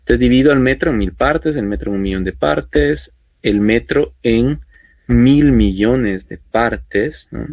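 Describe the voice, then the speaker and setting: Male teacher, mid-pitched, patient explainer, close dry mic. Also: unhurried, no echo, dull audio. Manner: explains patiently with many tag questions and fillers. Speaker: chemistry teacher. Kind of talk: online class lecture.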